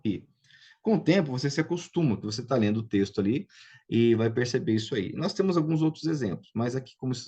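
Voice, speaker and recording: Husky-voiced Brazilian man teaching Hebrew. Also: medium pitch, a little mellow. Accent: Brazilian Portuguese. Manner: patient, checks in with "né?" and "ok?". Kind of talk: live online class, explaining and drilling pronunciation.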